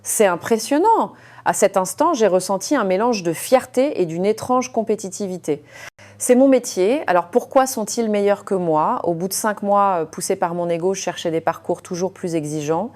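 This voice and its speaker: A woman reading a first-person story aloud in a calm, scripted way, with frequent small hesitations. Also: mid-range voice, normal speed. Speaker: narrator.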